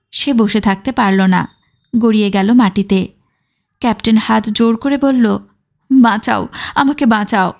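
A woman narrating an audiobook novel in a steady, measured way. Her voice sits a little high. She tells the story in an even, controlled flow.

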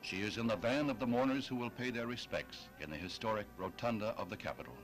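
A man narrating an old 1960s newsreel in a solemn, measured, declamatory manner. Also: fairly low pitch. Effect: old 1960s newsreel sound. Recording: old newsreel track with music. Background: music.

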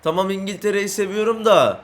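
A young man giving excitable Let's Play commentary, yelling and cursing at his teammates. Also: high voice, brisk. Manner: excitable, yells and curses at teammates. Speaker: gaming YouTuber.

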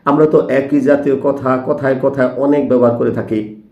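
A man's voice: medium pitch, fairly even intonation, normal speed, mellow, dull audio. A male English grammar teacher giving an explanatory lesson, speaking straight to his students and spelling words out letter by letter. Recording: roomy echo.

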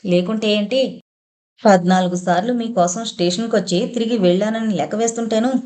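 A woman's voice: medium pitch, fairly quick, darkish tone, close to an everyday voice. A woman voicing an impatient young man who rattles off irritated complaints. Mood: sulky. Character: impatient young man, grumbling brother-in-law.

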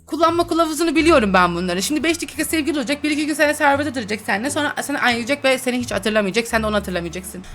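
A woman's voice: high voice, animated, racing, hardly any pauses, fairly bright tone. A young woman chatting and teasing through a role-play game, laughing often as she comments. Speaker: gaming YouTuber.

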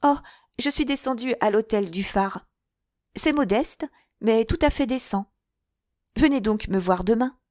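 Female reader playing a bold, lively young woman for an audiobook; brighter and higher than her narration, quick and eager. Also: no echo, studio quality, lightly acted. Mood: cheerful. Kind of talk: audiobook dialogue.

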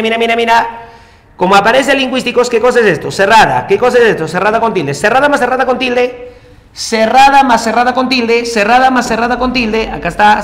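Guy teaching exam prep, pretty high voice, says everything three times, big echoey room. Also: fairly bright tone. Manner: repetitive drilling with constant tag questions. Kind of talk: exam-prep class lesson. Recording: long reverb room echo.

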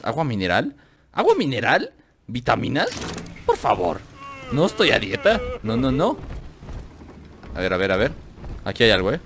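Medium in pitch and fairly bright, with a little hiss or hum on the recording, a man with a Mexican accent provides let's play commentary. He's chatty and jokey, talking to himself and the viewers as he plays.

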